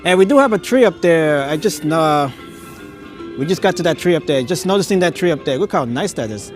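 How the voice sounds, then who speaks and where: Touring holiday lights on a neighborhood street at night, a male live-streamer speaks in a fairly quick, higher-pitched voice with lively intonation over music. He sounds awed, laughs often, and stumbles over words at times. He records on a phone held on a gimbal.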